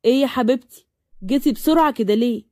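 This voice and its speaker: A woman's voice: a little high, very fast, a little mellow, dry recording, studio quality, lightly acted. Woman voicing a protective Egyptian older sister. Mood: probing. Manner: probing, protective.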